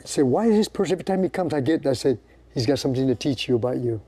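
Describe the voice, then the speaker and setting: Older man teaching martial arts, mellow voice. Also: mid-range voice, expressive, racing, slightly rough. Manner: demonstrates moves while talking, acts out quoted people. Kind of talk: casual teaching chat.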